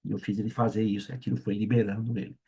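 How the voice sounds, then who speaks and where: A pastor with a Brazilian Portuguese accent preaches a sermon, acting out the voices of the people in his story. His voice is lowish, warm and husky, rapid-fire with little pitch movement.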